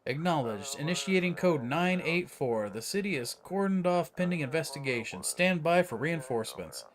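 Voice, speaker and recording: A man's voice: on the high side, big pitch swings, normal speed, pitched above the performer's own voice. A man voicing a male police dispatcher in a horror game, calling out codes in clipped phrases.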